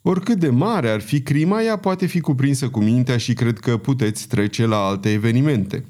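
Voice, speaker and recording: A man voicing a calm monk in an audiobook, speaking in a measured, cool manner. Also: medium pitch, close to an everyday voice. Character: calm young monk hearing a confession. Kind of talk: audiobook character reading.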